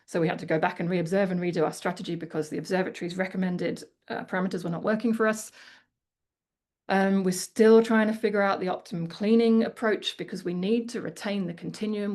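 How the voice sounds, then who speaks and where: Australian woman, conference speaker, candid, casual fillers, mid pitch. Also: a little mellow. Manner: candid, conversational, many fillers like "like". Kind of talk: conference talk and Q&A chat.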